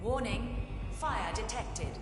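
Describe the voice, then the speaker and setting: Game VO: a machine alarm voice, overheating warnings, slightly high, echoing over a loudspeaker under loud music. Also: female voice, takes it slowly. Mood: cold alarm. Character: female computer alarm voice of a facility. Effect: automated alarm announcement over a loudspeaker.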